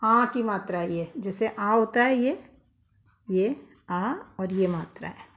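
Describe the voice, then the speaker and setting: A woman's voice: medium pitch, slow. Patient woman teacher, lo-fi recording. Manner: patient, checks understanding with "है ना?". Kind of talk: classroom lesson explaining a poem. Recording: dull lo-fi recording.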